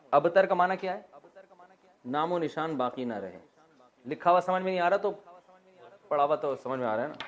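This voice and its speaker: A man with a somewhat high voice gives a lesson on the Quran. He poses questions to his listeners and answers them himself. He drops in light jokes as he goes. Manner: light joking asides. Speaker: Islamic scholar teaching Quran exegesis. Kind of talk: explanatory religious lesson. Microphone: recording while writing on a board.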